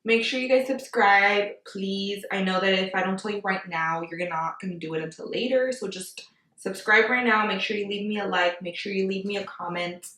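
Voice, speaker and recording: A beauty vlogger, tipsy and giggling, chats through her casual makeup tutorial in a playful, slangy, exclamatory style. Her mid-range voice is bright and forceful at a normal speed. The recording has room echo, and she's some distance from the microphone.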